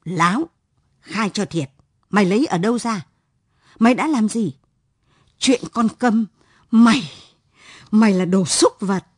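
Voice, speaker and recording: A woman's voice: medium pitch, lively intonation, unhurried, long pauses, dry recording, clean studio sound. Woman reading as a stern, threatening old father. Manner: gruff, scolding.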